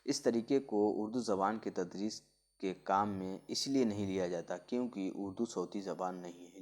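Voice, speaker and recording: Low-voiced man teaching a lecture. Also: darkish tone. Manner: explains slowly with many fillers and restarts; spells out letter sounds and examples. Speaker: Urdu pedagogy teacher. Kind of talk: exam-prep lecture.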